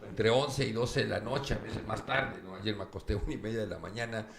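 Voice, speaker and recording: A man telling a story in casual conversation, expressive and animated, sometimes acting out the voices of characters. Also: on the low side, fairly quick, gravelly, crowd noise. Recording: echoey room with faint noise.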